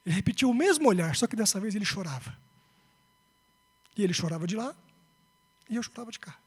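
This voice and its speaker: Breathy man speaking in an echoing hall. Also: high-pitched, animated, fast talker. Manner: emotional, shifting between hushed confession and rising urgency. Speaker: spiritist speaker. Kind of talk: emotional talk with storytelling. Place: lecture hall. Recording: long hall reverb, breathy voice.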